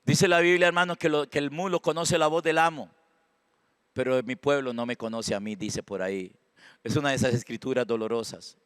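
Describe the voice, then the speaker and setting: A man preaching a sermon with a Costa Rican accent, swinging from hushed prayer to loud exhortation. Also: medium pitch, brisk, clean tone, no echo, clean studio sound. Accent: Costa Rican Spanish. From Costa Rica. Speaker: pastor. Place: church sanctuary.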